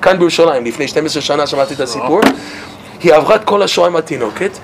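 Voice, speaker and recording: Animated man teaching Torah, noisy recording. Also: on the high side. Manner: animated, stammers and repeats words, laughs while telling stories.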